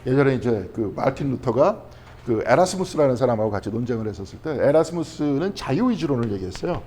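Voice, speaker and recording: A man's voice: medium pitch, very animated, fast, darkish tone, slight background noise. A male pastor teaching a Bible study class in a conversational way. He keeps asking the class questions and then answers them himself. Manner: conversational, checking in with frequent tag questions.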